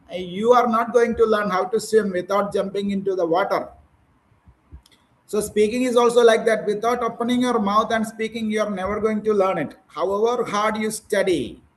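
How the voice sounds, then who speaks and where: A man with an Indian English accent leads a spoken English practice session over a video call. His voice sits notably high, and he prompts teachers with questions and encouraging advice. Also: rough recording. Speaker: English speaking trainer. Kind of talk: online speaking practice session.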